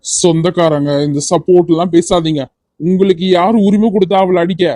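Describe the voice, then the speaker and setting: A man's voice: high voice, fairly even intonation, a little fast, warm tone, no echo, lightly acted. A man voicing a protective young hero in a cartoon, teasing and firm in turn. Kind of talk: cartoon voice acting.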